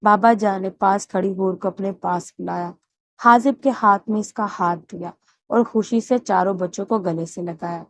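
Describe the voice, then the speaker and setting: A woman's voice: medium pitch, slight background noise. Woman reading a romance novel. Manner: steady storytelling read. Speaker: narrator. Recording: dull muffled recording.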